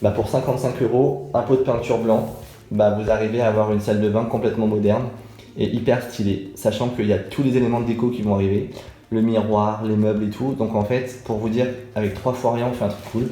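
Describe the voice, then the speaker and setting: Chatty young man, mellow voice. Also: on the low side, steady tone, brisk, breathy edge. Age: 20s. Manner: chatty, enthusiastic, lots of fillers. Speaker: vlogger. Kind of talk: casual vlog chat to camera. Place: small bathroom at home, resonant.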